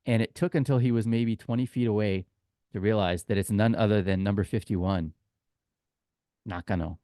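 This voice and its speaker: He speaks at a moderate pace in a fairly low, dark voice with fairly even intonation, captured cleanly in a studio with no echo. As co-host of a casual sports podcast, this tour guide tells chatty, informal anecdotes and plays out the quoted exchanges.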